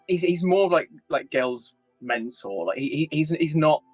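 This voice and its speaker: A man talks casually as a tabletop game player, slipping lightly into role. His voice is on the high side and recorded very dry, with music playing behind it. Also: lively intonation, normal speed, husky, no room sound.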